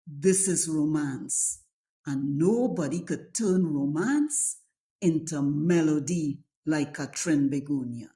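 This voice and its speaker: Slow, mellow Trinidadian Caribbean woman. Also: deep voice. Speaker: dialect teacher, host. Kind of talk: scripted slang lesson with acted examples.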